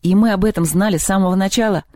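An irritable, sarcastic schoolboy from a storybook, as the narrator acts him out, exasperated and quick to sneer. The voice is somewhat raised in pitch, mellow and dark in tone. It is recorded close and dry. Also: no echo, natural voice.

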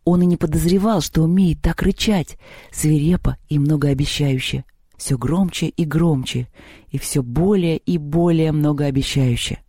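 A narrator reading a story aloud in an even storytelling manner. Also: medium pitch, measured pace, slightly rough, no room sound, clean studio sound. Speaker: audiobook narrator. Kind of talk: scripted narration.

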